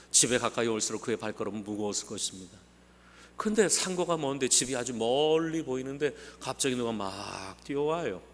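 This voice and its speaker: A man preaching a sermon as pastor, telling the story vividly with dramatic voice changes. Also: medium pitch. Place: church sanctuary. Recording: long church hall reverb.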